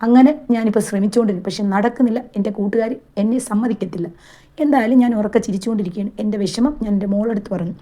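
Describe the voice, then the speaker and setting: Fast-talking middle-aged woman vlogger. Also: mid-range voice, mellow. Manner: earnest, plain-spoken storytelling. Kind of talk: casual monologue to camera.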